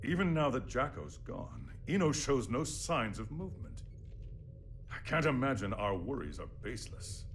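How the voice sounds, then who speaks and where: A man acts as a blunt game king. His mid-pitched voice is authoritative and moves widely in tone, over faint music. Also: big pitch swings, moderate pace, natural voice. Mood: grudging. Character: commanding, blunt adult male king. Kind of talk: video game cutscene acting.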